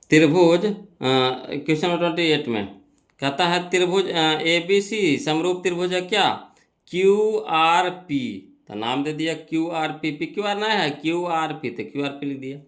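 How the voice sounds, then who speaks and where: A young man teaching an exam-prep math lesson, working through problems step by step, asking and answering his own questions and repeating key phrases. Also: on the high side.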